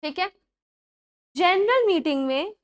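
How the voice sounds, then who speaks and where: In a classroom lecture, a young woman with a very high-pitched voice and lively intonation teaches in Hindi sprinkled with English terms. She dictates slowly, repeats her points, and checks that her students are keeping up.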